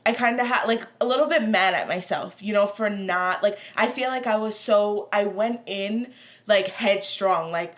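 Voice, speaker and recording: A woman's voice: mid-range voice, normal speed, fairly bright tone. A young woman and mother, a podcast co-host and former cheer coach, reflecting on herself with rambling fillers. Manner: self-questioning, rambling with fillers. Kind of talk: casual podcast chat.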